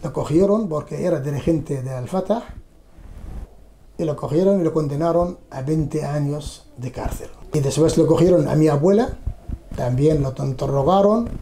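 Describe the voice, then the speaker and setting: Middle-aged man, dark gravelly tone, slow halting testimony, roomy echo. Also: a little high. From Palestine. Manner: measured, halting, with pauses. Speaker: documentary interviewee. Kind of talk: personal testimony. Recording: roomy echo, faint background hum.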